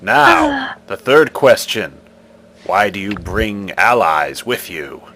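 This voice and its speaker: An imperious giant stone guardian played by a man at a tabletop game speaks with forceful, booming ceremony. The delivery is animated and slow, with faint noise behind it. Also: full character voice. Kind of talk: tabletop game role-play.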